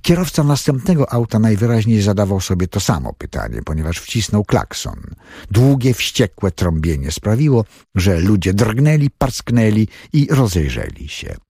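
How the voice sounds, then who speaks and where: A male audiobook narrator with a low, husky voice. His pitch moves in lively arcs as he tells the story, and the close recording is dry. The reading is scripted and expressive. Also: moderate pace, dry recording.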